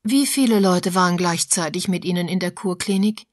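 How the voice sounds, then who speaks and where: A woman's voice: on the low side, normal speed, dry recording, studio quality, lightly acted. A woman reading an agitated lady sleuth. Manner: agitated, pressing.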